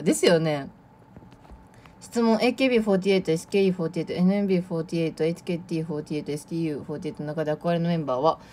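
Reading viewer comments aloud during a casual livestream, this late-teen idol audition hopeful from Tokushima comes across bubbly and laughs a lot. Her voice is lowish and a little mellow, with a Kansai accent and hints of Awa dialect.

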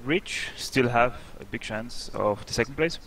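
A man from Austria, speaking, co-commentating a sim race in an unhurried, hesitant way full of ums. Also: mid-range voice, very noisy.

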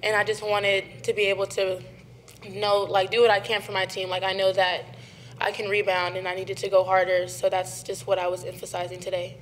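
A woman's voice: mid-range voice, monotone, fairly quick, a little hiss or hum. A young woman college basketball player answering earnestly and reflectively at a desk microphone. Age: young adult. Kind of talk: postgame press conference answers.

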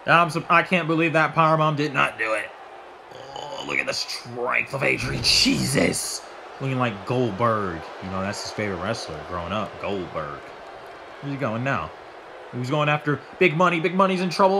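A man doing excitable solo play-by-play of a wrestling match, swearing and breaking into shouts. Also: medium pitch, background noise. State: out of breath. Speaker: wrestling commentator.

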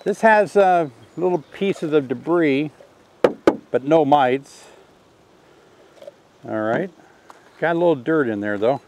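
A man's voice: a little high, slow, pauses often, a little hiss or hum. Older man demonstrating beekeeping outdoors. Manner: relaxed, folksy, thinks aloud while working. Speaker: beekeeping teacher. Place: outdoors in an orchard beside beehives.

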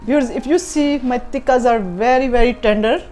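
Brief: middle-aged female cooking show host from Pakistan, easygoing teaching tone, studio kitchen with soft music behind. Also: fairly high pitch, normal speed. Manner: relaxed, instructive, addresses viewers directly. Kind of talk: cooking demonstration.

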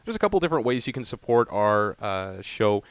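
A man's voice: on the low side, sing-song, brisk, dry recording. A man hosting a casual podcast, chatting in a rambling, upbeat way into a close mic. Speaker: podcast host.

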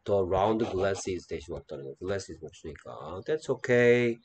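A man teaches an English textbook dialogue, drawing out each English line slowly before explaining it. His voice sits low and his pace is unhurried. A faint hiss with occasional clicks lies under the recording. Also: lively intonation, a little mellow. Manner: reads English lines slowly and deliberately, then explains in Korean.

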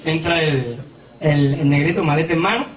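A man with a Cuban accent telling a stand-up comedy routine in an animated way, often breaking into squealing character voices. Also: on the high side, moderate pace. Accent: Cuban Spanish. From Cuba. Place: comedy stage before a live audience. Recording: roomy live stage sound from far off, loud crowd. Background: audience laughter.

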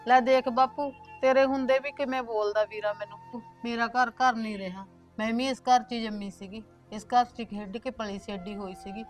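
A woman's voice: a little high, fairly even intonation, moderate pace, few pauses, faint music behind, close to an everyday voice. A woman playing a hurt, stubborn married daughter who complains to her father. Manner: complaining and reproachful. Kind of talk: short film acting.

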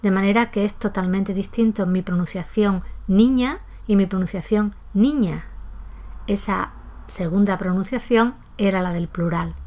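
Calm woman explaining pronunciation. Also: medium pitch, moderate pace. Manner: calm, methodical, demonstrates pronunciations aloud; aspirates final S in her own speech. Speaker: language teacher. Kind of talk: explanatory lesson.

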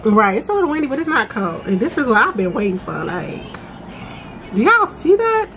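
A woman's voice: fairly high pitch, very animated, brisk, fairly bright tone, a little hiss or hum, poor audio. A young woman and mother chatting to viewers in a casual home vlog, laughing often and calling them y'all. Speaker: vlogger, mother. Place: small bedroom indoors. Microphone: handheld compact camera.

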